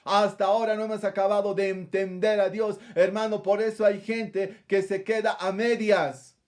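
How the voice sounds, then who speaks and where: A man delivers a sermon in a noticeably high voice. He retells a scripture passage, addresses his listeners as brother again and again, and leans on rhetorical questions to press his point. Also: flat delivery, moderate pace. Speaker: preacher.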